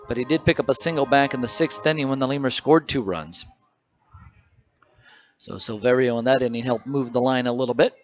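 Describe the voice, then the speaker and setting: Male baseball play-by-play announcer, easygoing stat-reading delivery, mid pitch, slightly muffled broadcast with faint music. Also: brisk. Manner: conversational, reads stats between pitches. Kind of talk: radio baseball commentary.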